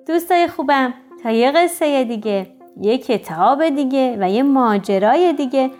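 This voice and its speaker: A woman reading a children's storybook aloud with gentle, expressive storytelling. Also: high voice. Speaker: audiobook narrator for children.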